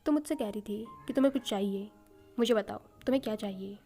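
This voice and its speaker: A woman's voice: mid-range voice, fast talker, mellow, soft background music, natural voice. Stern but fond young man, read by a woman. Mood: fond, quiet. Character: stern short-tempered young man, soft with his sister.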